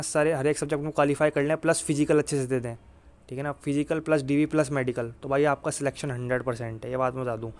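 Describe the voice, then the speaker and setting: His voice is a little high and a little mellow as he delivers casual, coach-like exam guidance. Repetition and emphasis drive his reassurance, and he regularly addresses listeners with filler remarks.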